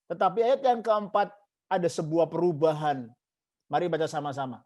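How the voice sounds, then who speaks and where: A man's voice: on the high side, moderate pace, dark tone. A man preaching a sermon as a pastor, emphatic, with repeated parallel phrases and English words mixed in. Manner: mixes English phrases into Indonesian, repeats "saudaraku" often.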